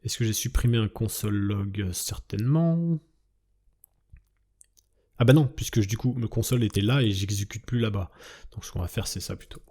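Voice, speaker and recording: Guy walking through code on a screencast, low mellow tone, keeps asking if you follow. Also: moderate pace, pauses often. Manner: explains step by step, often asks "d'accord?"; thinks aloud while typing, trailing off. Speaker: coding instructor. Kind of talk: screencast coding tutorial.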